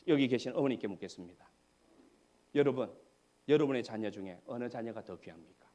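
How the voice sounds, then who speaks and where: A man preaching a sermon as pastor, asking the congregation questions and swinging between shouted climaxes and hushed whispers. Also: medium pitch, a little fast. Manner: dramatic preaching, rising to shouts and dropping to whispers.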